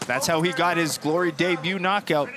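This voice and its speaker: A man's voice: a little high, fairly even intonation, moderate pace, a crowd in the background. A man giving casual live fight analysis as an expert kickboxing commentator. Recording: loud arena noise behind commentary.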